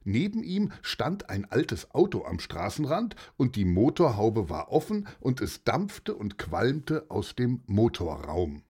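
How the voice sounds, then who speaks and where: A man narrating a children's audio story in an expressive, playful way. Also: mid-range voice, slow, few pauses, slightly rough.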